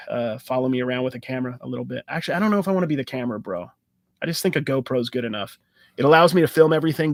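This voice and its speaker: A man with a medium-pitched voice, recorded cleanly in the studio without echo, hosts a sports card channel's casual live-stream Q&A. He rambles loosely, restarting and using fillers, and is enthusiastic about hunting for cards.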